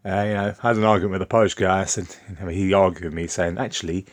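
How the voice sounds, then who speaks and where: A man's voice: sits low, fairly even intonation, racing, no echo. A man, rambling bluntly in a casual off-the-cuff vlog monologue. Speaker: vlogger.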